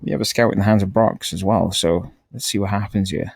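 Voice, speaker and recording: A man giving relaxed, rambling live commentary on a competitive game as a caster, laughing often. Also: lowish voice, brisk, creaky, slightly rough, no room sound. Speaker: esports caster.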